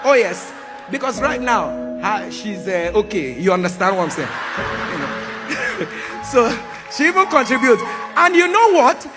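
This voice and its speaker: Man preaching, high voice, animated and loud at peaks, with music under him. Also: a little slow. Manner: animated, sound effects, rising to shouts. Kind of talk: sermon storytelling.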